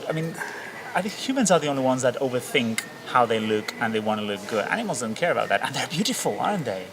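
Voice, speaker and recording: A man's voice: mid-range voice, sing-song, quick pace, background noise. A man hosting an interview, asking long, rambling questions with many restarts. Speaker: interviewer, host. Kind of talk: casual conversation.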